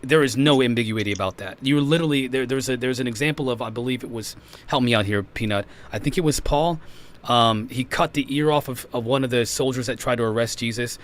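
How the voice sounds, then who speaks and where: A man's voice: medium pitch, fast. A man on a podcast panel arguing emphatically in a casual debate and cutting in often.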